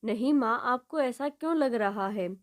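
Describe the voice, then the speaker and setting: Woman doing a sad young daughter, quiet and pained, kinda high voice. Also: moderate pace, close to an everyday voice. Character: unhappy young married daughter, hurt and restrained.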